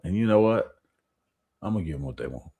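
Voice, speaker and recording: A man's voice: low voice, animated, fast talker, dark tone, husky. A man co-hosting a sports talk podcast, teasing and contrarian in casual banter. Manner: teasing, contrarian, laughs between lines. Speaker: podcast co-host.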